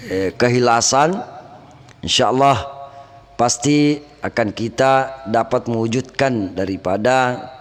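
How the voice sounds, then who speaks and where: A man teaching Quran recitation rules, chanting verses slowly and melodically between plain explanations. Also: medium pitch, in a large hall. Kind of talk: tajwid lesson with chanted recitation.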